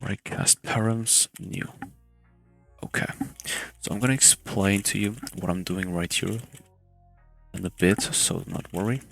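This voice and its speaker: A young man talks through a casual game development tutorial in a hushed, quiet-at-night voice. It sits low and has a gravelly fry to it. The sound is close and dry, with faint music underneath. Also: measured pace, long pauses, no room sound. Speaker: tutorial host.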